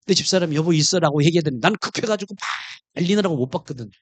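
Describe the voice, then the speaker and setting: A man's voice: a little high, expressive, rapid-fire, no echo. A middle-aged male pastor telling a personal story in a sermon, acting out the dialogue as he goes.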